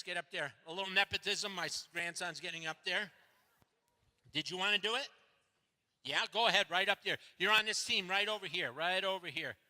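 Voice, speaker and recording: An older man running a live stage event on a hand mic, calling on people and steering them to their spots. His voice sits high for a man and rings very bright and forceful. A long hall reverb trails each phrase. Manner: brisk, directing people with repeated "right over here". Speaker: host of a live building event. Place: stage in a large hall with an audience.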